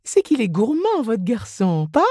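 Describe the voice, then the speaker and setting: A man's voice: extremely high pitch, huge pitch swings, unhurried, dark tone, husky, dry recording, clean studio sound, pitched above the performer's own voice, heavily acted. A man voicing a chatty, sympathetic female shop clerk who gossips. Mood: gossipy.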